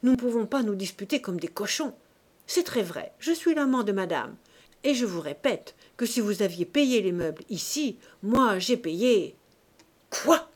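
A woman's voice: medium pitch, a little mellow, close to an everyday voice. A woman reading an audiobook voices a brash, quarrelsome male financier who argues defiantly and insults his rival.

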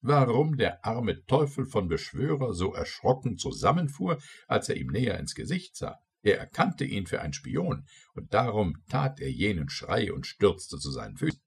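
Man reading an eager exclaiming gentleman, low husky voice. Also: very animated, moderate pace, hardly any pauses, exaggerated voice. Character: excited male English gentleman. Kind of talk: audiobook reading.

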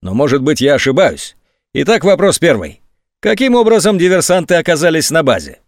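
Male reader doing a mocking general, high and lively, dry close mic. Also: brisk, dry recording. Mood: sarcastic. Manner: mocking, sneering, sometimes shrill. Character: sarcastic, scornful male army general on phone.

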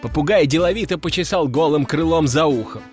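Male storyteller, wry first-person narration, slightly high voice, dry sound, soft music under it. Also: fairly quick. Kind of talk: scripted audiobook narration. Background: faint music.

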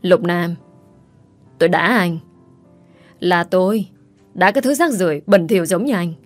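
A woman's voice: on the low side, normal speed, soft background music, lightly acted. A woman voicing a betrayed, heartbroken young woman who speaks tearfully and pleads, in a storybook reading. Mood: bitter.

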